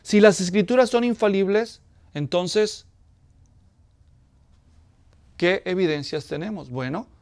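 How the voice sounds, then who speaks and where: High-voiced man preaching a sermon. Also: no echo, clean studio sound. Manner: conversational teaching with questions to the congregation. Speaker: pastor.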